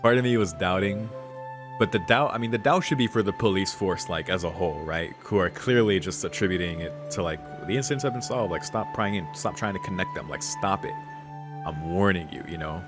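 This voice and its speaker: A man with a deep voice talks a little fast, giving laid-back, slangy let's play commentary and reading subtitles aloud. Game music plays in the background.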